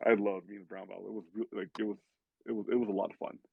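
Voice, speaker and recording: A man's voice: on the low side, little pitch movement, fast, vocal fry, breathy edge, dry recording. A man telling casual stories as a podcast guest, rambling with many restarts and filler words. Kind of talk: casual storytelling. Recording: tinny phone-like sound.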